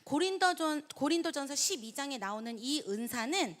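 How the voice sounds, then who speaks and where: Brief: middle-aged pastor's wife leading a church Bible study, fairly high voice, chatty and animated, acts out quoted voices. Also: female voice, normal speed. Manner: chatty, laughs between points. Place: church hall.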